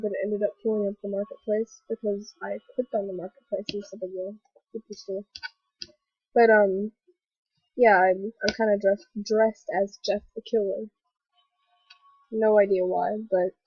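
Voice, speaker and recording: A woman's voice: mid-range voice, breathy edge, no room sound. Stuffy-nosed young woman rambling through a game. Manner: rambling, filler-heavy, excitable. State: stuffy from a cold. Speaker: gaming video host. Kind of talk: casual game commentary vlog. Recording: dull lo-fi voice recording.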